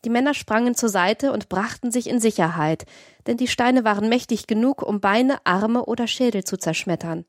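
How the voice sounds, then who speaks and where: A woman narrating an audiobook excerpt as a podcast reader, with a steady, measured delivery. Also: a little high, no room sound, studio quality.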